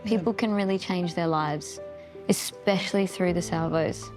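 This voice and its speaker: A woman's voice: on the low side, fairly even intonation, moderate pace, over music. A woman hosting a TV special, interviewing a guest with enthusiasm. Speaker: TV special host.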